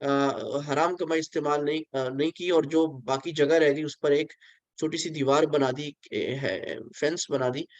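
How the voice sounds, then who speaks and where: A man's voice: on the high side, a little slow, no room sound, lo-fi sound. A man giving an online pilgrimage training lesson, explaining step by step and slipping English phrases into his talk. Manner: explains patiently, asks listeners to repeat, mixes in English phrases. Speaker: religious instructor. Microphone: video call.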